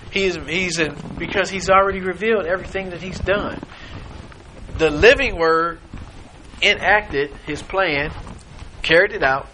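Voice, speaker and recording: A man preaching a sermon, halting and searching for words, acting out the scripture quotes. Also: fairly high pitch, bright, forceful tone. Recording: noisy recording.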